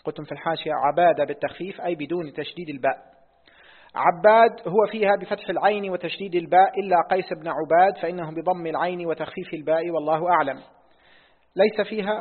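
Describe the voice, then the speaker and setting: A male student with a husky, rather high voice recites a hadith text during a lesson. He reads fast and repeats lines on request, and the recording is tinny, like a phone, in an echoing hall.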